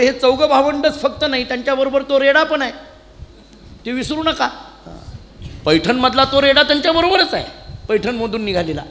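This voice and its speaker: A man giving a devotional storytelling discourse, animated and addressing the audience directly. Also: very high voice. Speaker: spiritual discourse speaker. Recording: long hall reverb.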